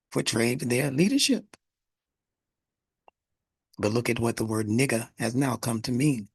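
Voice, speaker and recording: Male lecturer, gravelly and a bit husky, emphatic teaching delivery, dry close sound. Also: medium pitch, no echo. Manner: emphatic, breaks words apart to teach. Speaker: instructor. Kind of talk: spiritual lecture on word origins.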